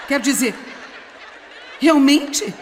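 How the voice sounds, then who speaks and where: A woman preaching a sermon in an animated way, with wry humor and frequent asides to the audience. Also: high-pitched, takes it slowly, big-room sound, a little hiss or hum. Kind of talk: sermon, dubbed.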